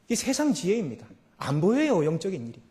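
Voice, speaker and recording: A man preaching a Sunday sermon as pastor. He swings from quiet passages to loud, emphatic peaks and asks the congregation rhetorical questions. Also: huge pitch swings, fast talker. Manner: rising to loud emphatic peaks, then dropping low. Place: church sanctuary.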